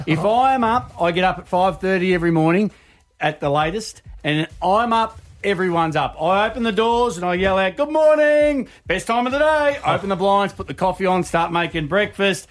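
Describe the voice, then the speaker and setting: A man's voice: sits high, fairly quick. An Australian man hosting a radio show, talking in a boisterous, emphatic way in casual studio banter. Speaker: radio host.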